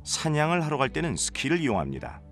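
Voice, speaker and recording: A man narrating a documentary in a measured, informative scripted voice. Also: on the high side, wildly swooping pitch, over music.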